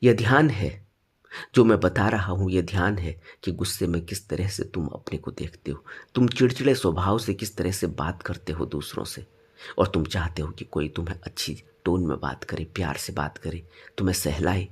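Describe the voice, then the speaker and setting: A man teaching meditation in a spoken dharma talk, stressing points with sudden rises and then dropping low. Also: moderate pace, breathy edge.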